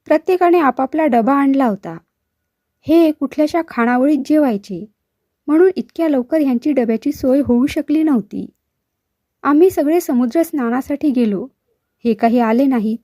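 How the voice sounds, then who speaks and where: Storybook: gentle, halting young wife, voiced by a woman, high, dry sound. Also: no room sound, lightly acted. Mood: wistful. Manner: soft, halting, reminiscent. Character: young wife, grieving and wistful.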